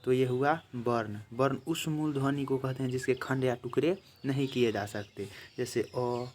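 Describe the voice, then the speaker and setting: A man at a middle pitch leads a grammar lesson for exam takers. He goes over each definition slowly and more than once, speaking straight to viewers as friends. A faint noise sits under the recording. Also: fairly even intonation, a little mellow. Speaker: teacher.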